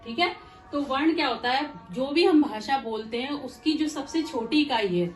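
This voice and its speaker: A woman's voice: high-pitched, lively intonation, moderate pace. A woman teacher explaining a grammar lesson patiently, repeating points and checking that her students understand. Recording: echoey room with faint ambience.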